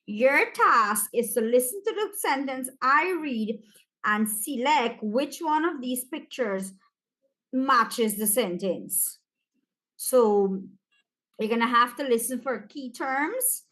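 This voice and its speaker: A woman teacher with a Caribbean accent, walking students through an exam paper in a relaxed, chatty way and speaking to them directly. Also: high voice, slow. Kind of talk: exam practice walkthrough.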